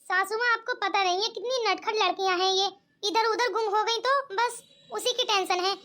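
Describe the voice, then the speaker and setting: Woman doing a cartoon mother, anxious, meek, pleading, very high-pitched. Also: fairly even intonation, moderate pace, pushed and bright. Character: worried meek young mother, elder daughter-in-law. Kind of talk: cartoon comedy voice acting.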